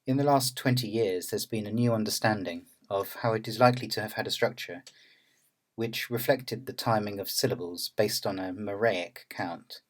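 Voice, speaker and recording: A man narrating an academic lecture in a measured, explanatory way. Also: on the low side.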